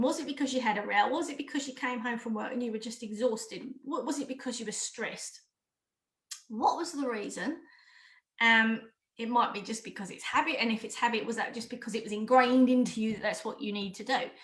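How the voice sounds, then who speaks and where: Woman, eating coach, high voice, blunt emphatic delivery, roomy echoey sound. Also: normal speed. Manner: direct, emphatic and repetitive. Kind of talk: online course talk.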